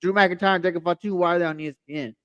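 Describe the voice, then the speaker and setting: A man's voice: high-pitched, steady tone, racing, a bit bright, smooth, no room sound, highs cut off. A man hosting a late-night wrestling talk show, earnestly building his argument in casual chat. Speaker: podcast host.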